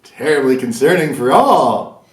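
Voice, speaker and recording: A man reading satirical news with an animated, sarcastic, hammy delivery. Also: mid-range voice, a little slow. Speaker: comedy news anchor.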